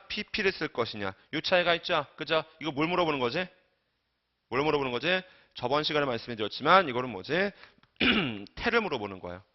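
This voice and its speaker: A man teaching an English grammar lecture, coaxing students with questions he answers himself and trailing off softly at the ends of phrases. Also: fairly high pitch. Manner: coaxing, asks and answers his own questions. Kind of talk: recorded online lecture. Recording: dull lo-fi lecture recording.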